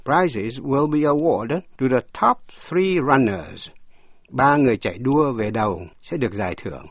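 A man giving a scripted vocabulary lesson, spelling words letter by letter and reading English examples slowly before explaining them. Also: medium pitch, animated, dry recording. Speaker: English teacher.

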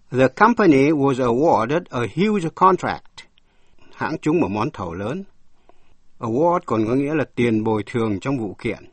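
Slow husky guy doing a vocab lesson, spells stuff out letter by letter, dry close mic. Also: mid-range voice, no echo. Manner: spells words letter by letter, reads English examples slowly. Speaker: English teacher.

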